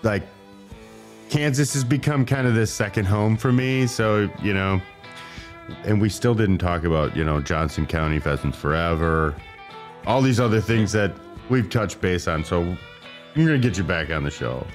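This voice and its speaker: A man with an extremely low, deep voice hosts a podcast, chatting in a loose, rambling way. He laughs easily and keeps things easygoing, close on a podcast mic. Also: moderate pace, faint music behind. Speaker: podcast host. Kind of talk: casual podcast chat. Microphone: podcast dynamic mic.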